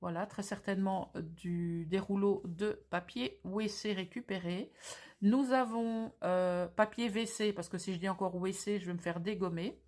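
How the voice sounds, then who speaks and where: A woman with a Belgian French accent who hosts a crafting channel and presents craft pieces in a slow, descriptive way with frequent fillers. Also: mid-range voice, fairly even intonation, darkish tone. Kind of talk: presenting craft mail on camera.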